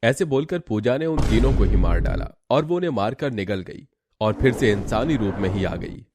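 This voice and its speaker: A man narrating a cartoon story in a steady, dramatic storytelling manner. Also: lowish voice, moderate pace, noisy background.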